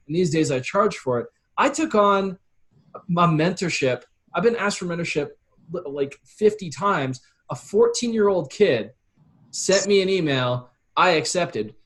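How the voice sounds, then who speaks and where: A higher-voiced man from Calgary, Canada, a copywriter and consultant, chats casually as a guest in a conversational interview. He comes across as earnest and explanatory, frequently acting out example quotes.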